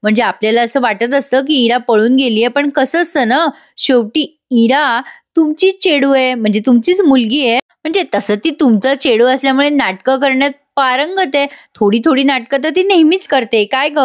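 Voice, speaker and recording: A woman's voice: high voice, normal speed, hardly any pauses, lightly acted. A woman doing a sly scheming man. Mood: sly coaxing. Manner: coaxing, sly. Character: scheming middle-aged man, sly brother-in-law.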